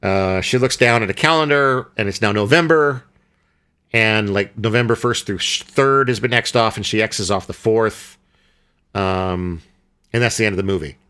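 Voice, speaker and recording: A man with a fairly low voice co-hosts a casual film podcast. He rambles in an easygoing way, restarting sentences and filling pauses with "uh" and "um" as he works out his thoughts. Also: fairly bright tone, clean tone. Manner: rambling, hesitant with many fillers and restarts. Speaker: podcast co-host.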